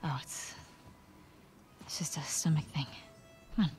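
Young survivor girl in a game, tough but caring, lowish soft voice. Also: a little slow, in a whisper, music in the background. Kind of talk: video game dialogue.

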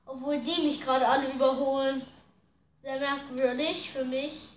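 High, bright-voiced woman gamer in a roomy space. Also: normal speed. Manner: slangy, excitable, groans and pleads at the game. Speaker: gaming video host. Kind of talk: casual gameplay commentary. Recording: roomy echo.

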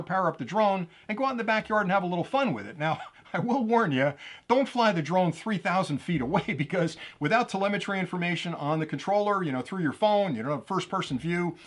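A man's voice: high-pitched, a bit bright. A man hosting a hands-on tutorial, chatty and playful as he explains each step. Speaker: drone channel host.

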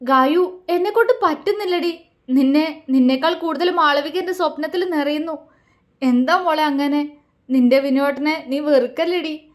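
A woman's voice: high-pitched, moderate pace, lightly acted. A woman voicing a grieving young man torn between two loves, pleading and anguished in an audio story. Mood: bitter. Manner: anguished, pleading inner monologue.

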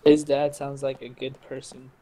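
A man's voice: mid-range voice, level tone, moderate pace, noisy background. A man chatting casually as a player in an online game voice chat.

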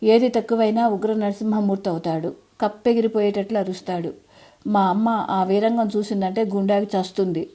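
A tired, caring daughter of sixty from an audiobook, voiced by a woman reader. She coaxes and pleads gently but insistently. The tone is very dark and mellow. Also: mid-range voice, steady tone, a little fast, close to an everyday voice. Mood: pleading.

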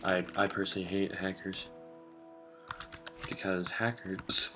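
A young man giving casual, rambling gameplay commentary with deadpan absurd jokes. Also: low-pitched, measured pace. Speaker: gaming vlogger. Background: game music.

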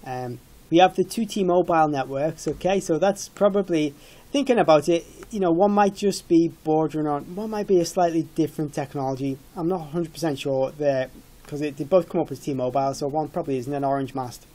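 This product demonstrator, a man in his thirties, moves fairly quickly through a casual tech walkthrough. He has a slightly high, warm voice and keeps his explanations matter-of-fact.

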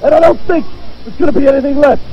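A man loudly delivering a threatening, impassioned wrestling promo as a professional wrestler. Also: extremely high pitch, quick pace. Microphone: handheld interview microphone. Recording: dull, noisy old TV tape.

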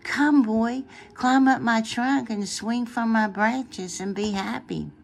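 A woman voicing a gentle, loving female tree in a storybook reading, in a soft, tender way. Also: a little high, slow pace, gravelly, exaggerated voice.

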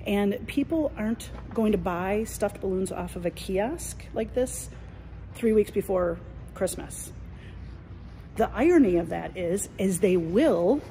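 A middle-aged business coach films a walking selfie vlog on a phone held at arm's length while strolling through a large indoor shopping mall, chatting enthusiastically and pointing things out. Her mid-range voice is warm, and the low-quality recording carries slight background noise.

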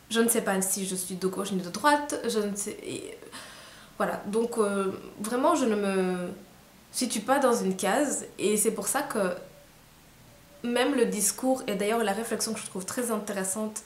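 Speaking at a measured pace in a mid-range voice, a young woman from Rwanda gives a casual, reflective monologue to camera at night. She sounds weary and unsure, often restarting and using fillers. The small room adds echo, and there's a faint hiss.

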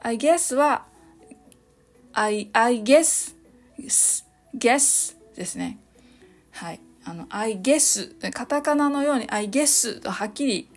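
A woman hosting a solo podcast lesson on English phrases. She explains cheerfully and slowly models each phrase in English. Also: a little high. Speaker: English teacher, podcast host. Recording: light background music.

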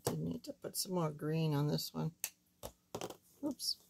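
An older woman with a thin, squeaky, slightly hoarse voice, giving a casual, halting card-making demonstration. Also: lively intonation, noisy background. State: hoarse while recovering from surgery. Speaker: craft tutorial host. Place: indoors at a wooden craft table, camera overhead.

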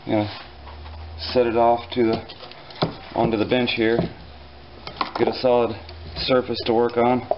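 A man casually explaining a small engine repair in his home garage, relaxed and dryly joking, with plenty of fillers as he works. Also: medium pitch, a little slow, pauses often, highs cut off, noisy background. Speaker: repair instructor. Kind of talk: casual hands-on repair tutorial.

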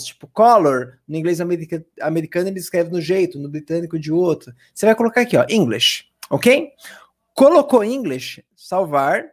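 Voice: mid-range voice, darkish tone. An English teacher with a Brazilian Portuguese accent giving a chatty, upbeat live online lesson and talking straight to the viewers.

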